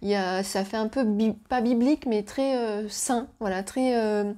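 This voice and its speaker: Woman book vlogger, relaxed and warm tone, rambling casual review with fillers. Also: on the high side, moderate pace. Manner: chatty, hesitant with frequent fillers. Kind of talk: casual monthly reading review.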